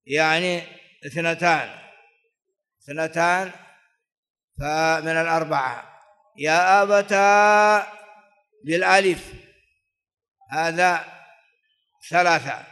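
A man's voice: on the high side, fairly even intonation, takes it slowly, long pauses, pushed and bright. A man teaching classical Arabic grammar, repeating example forms many times and chanting lines of verse. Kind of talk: classical grammar lesson, explaining and reciting verse. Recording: long reverb of a large hall.

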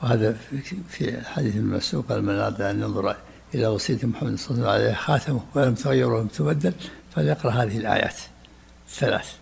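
A man, teaching a study session, explaining a text and directing the reader with brisk short prompts. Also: fairly low pitch, gravelly, a little mellow, husky.

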